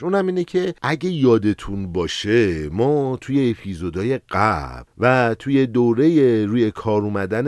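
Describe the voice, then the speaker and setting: A man's voice: mid-range voice, a little mellow, smooth, no echo, studio quality. A man with an Iranian Persian accent hosting a history podcast, explaining things in a conversational way and speaking directly to listeners. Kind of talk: explanatory narration with casual asides.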